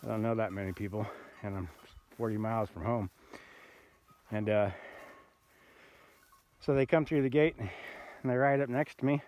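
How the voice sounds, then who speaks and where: An older man telling a rambling, easygoing story outdoors on a remote mountain road, with many pauses and "uh"s. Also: lowish voice, steady tone, darkish tone. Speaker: bikepacker vlogger. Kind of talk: casual outdoor vlog narration.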